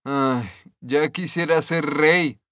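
A man's voice: a little high, measured pace, fairly bright tone. A man doing a yearning, discontented stonecutter. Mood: wistful sighing. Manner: sighing, yearning, then demanding. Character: discontented poor stonecutter forever wishing for more.

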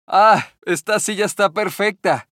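A man voicing a curious, picky little girl in a raised, higher voice. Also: unhurried, fairly bright tone, dry recording, clean studio sound. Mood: satisfied.

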